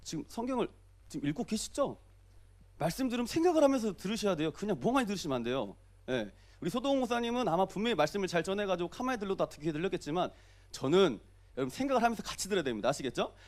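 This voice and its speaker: A young man preaches at a rapid clip, his high voice leaping up and down as he jokes. He keeps firing questions at the congregation and answering them himself. The delivery is lively and playful. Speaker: pastor. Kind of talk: early-morning sermon.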